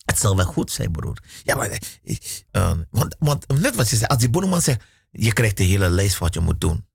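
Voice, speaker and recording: Slow gravelly raspy man. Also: lowish voice, very animated, a little mellow, no room sound, studio quality.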